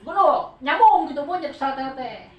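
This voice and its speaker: A woman's voice: high-pitched, expressive, normal speed, dull audio. A woman with a Sundanese accent giving a Quran study talk to a group of women, explaining patiently and often asking her listeners for answers. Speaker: religious teacher. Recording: echoey room, voice heard from a distance.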